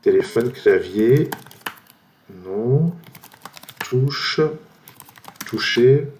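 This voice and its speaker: Slow-musing French man guessing words. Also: mid-range voice, lively intonation, a little mellow, slight background noise. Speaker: gamer playing a word-guessing game. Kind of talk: thinking aloud while playing. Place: at home by his computer.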